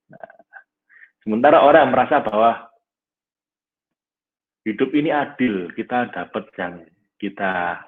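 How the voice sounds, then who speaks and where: Low, husky man teaching over a tinny line. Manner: warm, conversational lecturing, often says "Nah" and addresses "Bapak Ibu". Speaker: teacher of an online class. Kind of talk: live online class with questions from listeners. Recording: tinny phone-like audio.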